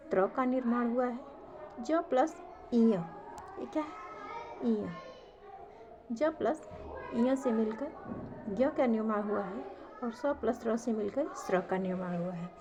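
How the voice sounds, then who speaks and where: एक महिला शिक्षिका जो परीक्षा की तैयारी के लिए व्याकरण का पाठ पढ़ाती है, खुद से सवाल पूछकर जवाब देती है और मुख्य शब्द दोहराती है।. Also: female voice, fairly high pitch, noisy background. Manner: asks a question and answers it herself, repeats key terms. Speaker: teacher. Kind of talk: exam-prep grammar lesson.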